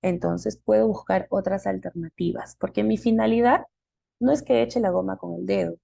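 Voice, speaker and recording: A woman's voice: medium pitch, normal speed, vocal fry, mellow, no echo, highs cut off. A woman giving a live online class, explaining step by step and posing questions she then answers herself. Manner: explanatory, asks and answers her own questions.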